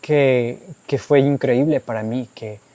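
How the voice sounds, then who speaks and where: Warm-voiced man explaining in learned Spanish. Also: mid-range voice, steady tone, slow pace, no room sound. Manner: explanatory, tags statements with "¿ok?" and "¿verdad?"; speaks Spanish as a learned second language. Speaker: YouTuber answering viewer questions. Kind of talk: casual Q&A monologue.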